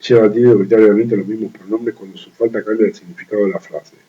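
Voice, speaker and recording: A man reading a legal writing manual aloud, steady and methodical, restarting words he stumbles on and adding brief offhand remarks. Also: on the low side, quick pace, lo-fi sound. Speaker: law study reader.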